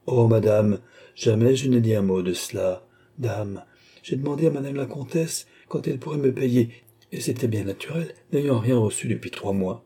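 A man's voice: medium pitch, moderate pace, warm tone, husky. A man voicing an old, thrifty chambermaid who protests and pleads with her mistress. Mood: protesting.

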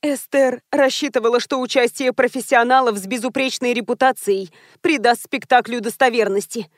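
A soft-spoken, fretful older actress who hesitates and worries over every word, as a woman narrator plays her. The recording is dry and close, as in a studio audiobook. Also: fairly high pitch, fairly even intonation, normal speed, no room sound, close to an everyday voice. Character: timid older actress, anxious mother-in-law.

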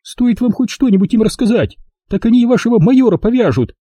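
A nervous, excitable young woman, shrill and on edge, her lines pitched high with a lively, jumpy melody, as a male narrator puts her on. Under the raised pitch the voice keeps a husky, dark grain, recorded dry and close. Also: fast talker, no room sound, full character voice. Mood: agitated.

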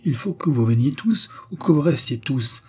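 A man reading a brisk English general. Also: medium pitch, warm tone, breathy edge, close to an everyday voice. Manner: brisk, apologetic.

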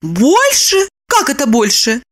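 A woman voicing an excitable, indignant young woman in an audiobook, with a squeaky, shrill, insistent delivery. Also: slow, full character voice. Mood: astonished. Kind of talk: audiobook character reading.

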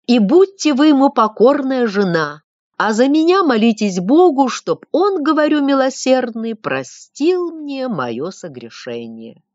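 A woman's voice: sits high, sing-song, measured pace, dry recording, voice pushed up. A woman reading as a pious, moralizing townsman. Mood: self-righteous. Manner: sanctimonious, moralizing storyteller. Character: staid middle-aged male townsman telling a tale. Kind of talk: audiobook reading of a classic story. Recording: dull lo-fi dry recording.

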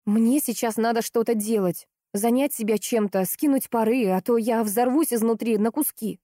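Blunt fiery young woman with a high snappy voice and mellow tone, a woman doing her. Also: moderate pace, no echo, studio quality, lightly acted. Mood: tense. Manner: loud, snapping and sarcastic.

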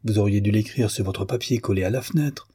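A man voicing a calm, stubborn young violinist in a low, husky voice. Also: fairly quick, no echo, studio quality.

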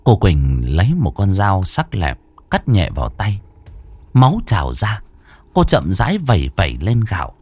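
A man narrating a horror story with a dramatic, expressive reading. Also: low-pitched, moderate pace, breathy edge, no echo.

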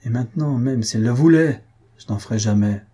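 An impassioned young nobleman pleading his cause with vehemence, as a male reader voices him. The voice is husky and very breathy, with a dark, mellow tone, and it rises higher in his urgency. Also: brisk, natural voice.

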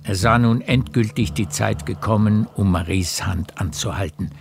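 Over music, a man with a fairly low, gravelly voice narrates a literary radio play. He's an actor playing a calm storyteller, and his delivery is measured and precise.

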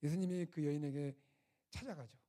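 A preacher with a mellow, mid-range voice and a brisk pace speaks at a winter retreat. In a storytelling sermon, he retells a scripture story conversationally and puts rhetorical questions to his listeners.

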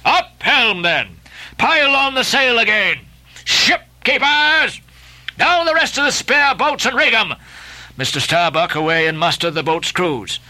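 A man's voice: extremely high pitch, measured pace, sharp tone, no echo, exaggerated voice, low-quality recording. A man voicing an obsessed old sea captain who barks orders in grandiose, archaic speech. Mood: commanding. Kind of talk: dramatic audiobook reading.

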